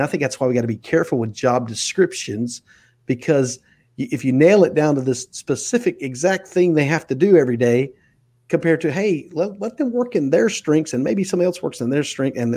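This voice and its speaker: A man's voice: mid-range voice, warm tone, husky. A man hosting a podcast interview, earnest and emphatic, his voice jumping up to stress a point. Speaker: interview host.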